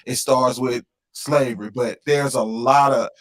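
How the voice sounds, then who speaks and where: A man from Louisiana, co-hosting a casual podcast and explaining things in a slow, laid-back way. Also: medium pitch, steady tone, fairly bright tone. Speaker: podcast co-host.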